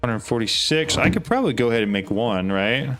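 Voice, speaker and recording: A man's voice: medium pitch, very animated, a little fast, a bit bright, soft background music. A man streaming a game, thinking aloud in casual talk and often asking puzzled questions. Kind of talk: casual live gameplay talk.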